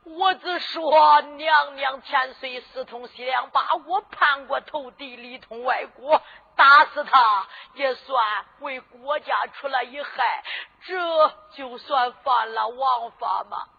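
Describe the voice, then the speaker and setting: A woman's voice: high voice, takes it slowly, vocal fry, sharp tone, husky, big-room sound, heavily acted. A woman voicing a proud condemned nobleman who declaims indignantly, on a dull lo-fi recording. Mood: defiant.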